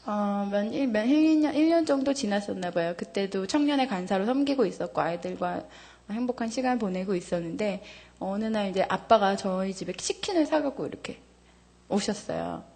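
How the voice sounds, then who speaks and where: A woman in her thirties giving a testimony to a congregation, candid and animated, laughing often, her voice jumping high when she gets excited. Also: a little fast. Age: 30s. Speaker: church member giving testimony.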